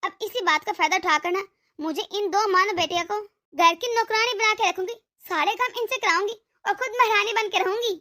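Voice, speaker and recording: A woman voicing a cunning young daughter-in-law in a Hindi cartoon, talking in a sharp, taunting and threatening way. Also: extremely high pitch, brisk. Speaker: voice actor.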